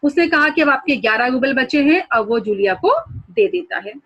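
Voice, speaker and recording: A high-voiced woman teacher giving an online lesson. She reads a story passage by passage, explains it patiently and has her students note down new words. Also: very animated, normal speed, gravelly, a bit bright, muffled recording. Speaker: school teacher.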